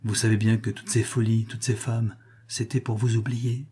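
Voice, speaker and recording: An ardent young man, as a male reader plays him, pleads in an earnest, slightly lifted voice. The tone is mellow and a little husky, like a storybook reading. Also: fairly low pitch, level tone, normal speed. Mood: pleading.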